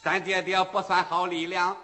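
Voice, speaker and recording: A man's voice: high voice, little pitch movement, normal speed, pushed and bright, slight background noise, voice pushed down. A man voicing a bold, proud young hero in rhythmic storytelling, speaking in blunt, commanding lines.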